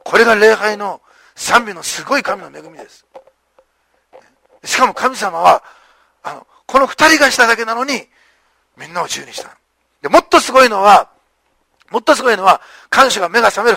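A male pastor delivers a lively sermon at a rapid clip, his high voice bright and gravelly. He acts out the story's quotes as he goes. The sound is dry and close. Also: no room sound. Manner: animated storytelling, acting out quotes.

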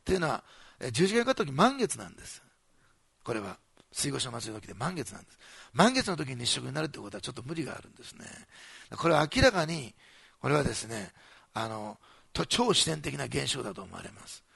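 A man preaching a sermon as pastor, animated and repeating phrases for emphasis, joking with the congregation. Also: medium pitch, fast talker, creaky, breathy edge, no room sound.

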